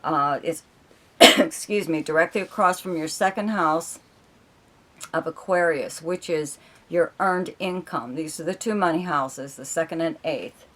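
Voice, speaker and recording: A woman with a low-pitched voice walks through a monthly astrology forecast in a loose, rambling way. She keeps checking in with her listeners with "okay?", and her voice is wearing thin. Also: a little slow, fairly bright tone. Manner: rambling, filler-heavy, keeps adding "okay?". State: losing her voice.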